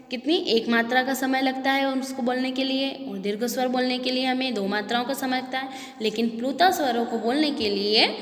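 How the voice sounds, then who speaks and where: A woman teacher explaining a lesson. She asks questions, then answers them herself and repeats the key terms. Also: sits high. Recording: echoey room with long reverb.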